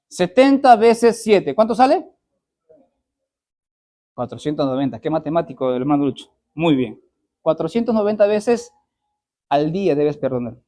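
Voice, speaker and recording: Man preaching, high voice, emphatic scripture reading, questions to the congregation, clears his throat often. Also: sing-song, a little slow, pauses often, warm tone. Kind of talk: sermon reading scripture aloud.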